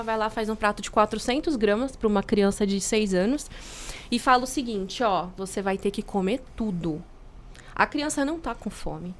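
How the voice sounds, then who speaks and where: A woman's voice: fairly high pitch, fairly bright tone. A woman, a podcast guest, explaining patiently with everyday examples.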